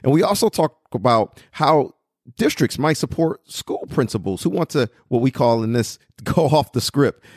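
Guy hosting a podcast, chatty and slangy, upbeat, middle pitched voice. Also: normal speed, slightly rough. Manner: lively, slangy, conversational. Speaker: podcast host. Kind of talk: casual interview.

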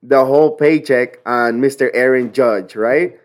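A man co-hosting a casual sports podcast, excitable and slangy. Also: medium pitch, measured pace. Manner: excitable, slangy, says bro and dude often. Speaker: podcast co-host.

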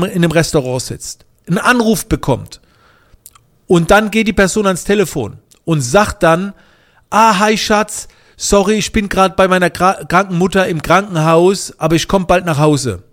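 Coach type, fairly high male voice, lively advice talk straight to the audience. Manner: animated, acts out quoted people.

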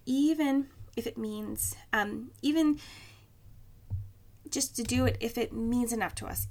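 A woman's voice: fairly high pitch, darkish tone. A young woman hosting a solo podcast, talking in a chatty, candid way with lots of "like" and "um". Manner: chatty and candid, many fillers like "like" and "um". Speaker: podcast host. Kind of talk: casual solo podcast talk.

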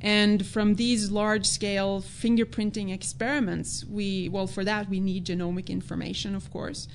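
A woman's voice: mid-range voice, flat delivery, a little hiss or hum. Norwegian-raised woman biologist explaining. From Norway. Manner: explanatory, measured. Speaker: biologist guest. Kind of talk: interview answers.

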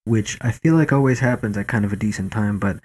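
A man's voice: lowish voice, quick pace, darkish tone, husky. A man co-hosting a podcast, talking in casual, profane, joking banter. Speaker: podcast co-host.

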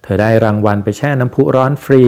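A man narrating a children's storybook aloud in a steady, clear delivery. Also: medium pitch, quick pace.

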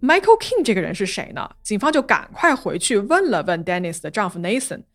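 A woman's voice: mid-range voice, brisk. A woman hosting a podcast, walking listeners through a true-crime case in a storytelling manner. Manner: lively narration, translating quotes into Chinese. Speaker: podcast host.

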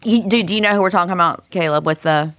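A woman co-hosting a podcast in casual chat, animated and opinionated. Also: fairly low pitch, fast talker, crowd noise. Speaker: podcast co-host.

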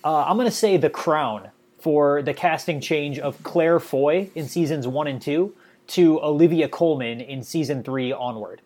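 A man's voice: a little high, unhurried. A man co-hosting a casual podcast, laughing a lot while he explains his picks. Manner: laughs often, relaxed and rambling. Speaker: podcast co-host. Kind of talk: casual chat.

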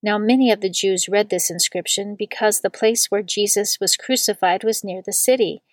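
Female scripture reader, mid pitch, measured and deliberate, dry booth sound. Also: no room sound. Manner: slow and deliberate on quoted words. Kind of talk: measured liturgical reading.

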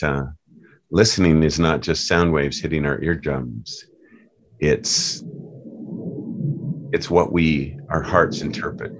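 A man leading a spontaneous, halting prayer with many pauses and fillers before handing over to a speaker. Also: a bass voice. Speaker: prayer leader and host.

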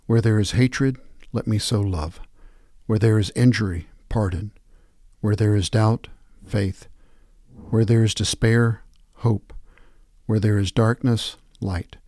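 A man reading scripture passages and prayers aloud in a measured, reverent devotional style. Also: fairly low pitch, steady tone, warm tone, no room sound, studio quality.

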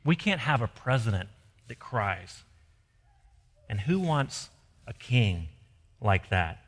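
A man preaching a sermon, asking rhetorical questions and dropping to soft emphasis. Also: mid-range voice, sing-song, slow pace. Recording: long hall reverb.

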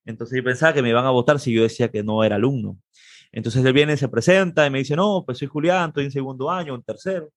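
A man's voice: mid-range voice, fast, no echo, studio quality. A man from Peru with a Peruvian Spanish accent, a guest telling a casual anecdote and acting out the other people's lines in a raised voice. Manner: animated, acts out quoted dialogue in a raised voice. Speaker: interview guest, trombonist.

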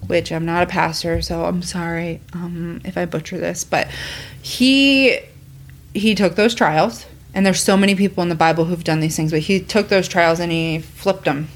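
A woman's voice: on the low side, little pitch movement, normal speed, few pauses. A woman co-hosting a faith podcast, talking in an earnest, rambling way with restarts. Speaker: podcast co-host. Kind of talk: casual faith chat.

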